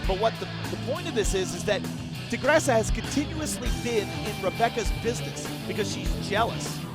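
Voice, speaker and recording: Lucha libre commentator, male, emphatic wrestling play-by-play in a very high register over prominent music. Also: animated, fairly quick. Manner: emphatic, dramatic announcing.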